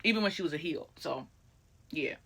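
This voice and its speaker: Bright-voiced woman in a chatty recap. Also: low voice, moderate pace, a little hiss or hum. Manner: chatty, filler-heavy, excitable. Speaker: wrestling recap host. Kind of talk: casual recap commentary.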